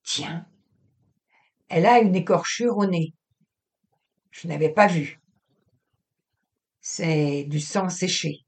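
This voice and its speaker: A woman voicing a gentle young man who dotes on his cat, in a fond, coaxing tone. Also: on the low side, takes it slowly, pauses often. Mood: puzzled.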